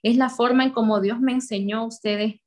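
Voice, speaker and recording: A woman's voice: a little high, fairly even intonation, fairly quick. A young woman with a Honduran accent gives a heartfelt personal faith testimony, speaking directly to her listeners.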